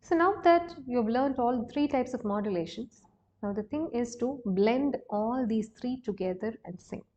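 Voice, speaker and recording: With an Indian accent, a woman gives a singing lesson, walking through the exercises step by step and demonstrating them in song. Her voice sits on the high side with lively intonation and a dark tone, at normal speed, and the highs are cut off.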